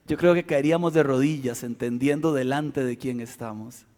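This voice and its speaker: A man's voice: mid-range voice, steady tone, unhurried. A man preaching a sermon, telling a personal story and acting out cries and quotes with dramatic swings. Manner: dramatic, acts out shouts and quotes. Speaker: pastor. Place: church hall. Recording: long hall reverb.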